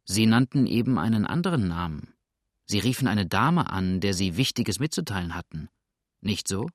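A man voicing a serious young male boatman who speaks calmly and measuredly, turning cold and suspicious. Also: on the low side, normal speed, dry recording, clean studio sound.

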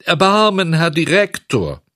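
A man voicing a brave wooden puppet boy in a high, thin, pleading voice while reading a storybook aloud. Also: big pitch swings, unhurried, breathy edge, full character voice.

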